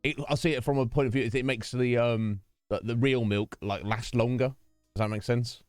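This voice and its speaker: In a mid-range, fairly even voice that's a little mellow and clean, a man chats casually with his livestream viewers at a moderate pace, rambling and restarting sentences. The dry, studio-quality sound comes from a desk microphone with a noise gate, and faint music plays behind him.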